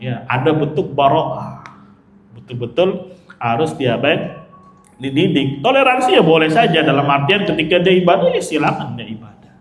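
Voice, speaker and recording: A man's voice: on the high side, big pitch swings, moderate pace. A man gives a religious lecture. He keeps posing questions to his listeners and answering them himself, breaking into casual jokes. The room around him echoes. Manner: chatty, joking asides in Jakarta slang. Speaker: Islamic teacher giving a study lecture.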